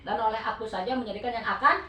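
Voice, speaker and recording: Speaking fast in a steady, sharp tone, this fairly high-voiced woman leads a Quran study session for women, patiently explaining and frequently inviting her listeners to answer. She is a religious teacher with a Sundanese accent. Heard from afar in an echoey room, the recording carries a slight hiss or hum.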